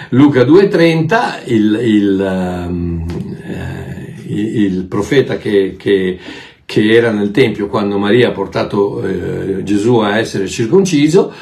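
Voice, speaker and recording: A man preaching a sermon, emphatic and animated, often repeating words as he searches for them. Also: on the low side, takes it slowly, vocal fry. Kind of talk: sermon teaching.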